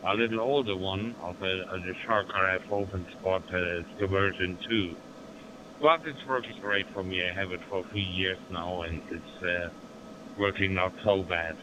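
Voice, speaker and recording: A man's voice: low voice, normal speed. A man with a German accent, making amateur radio small talk in formulaic operator phrasing over a crackly link. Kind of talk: amateur radio contact chat. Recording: noisy radio link, background hum.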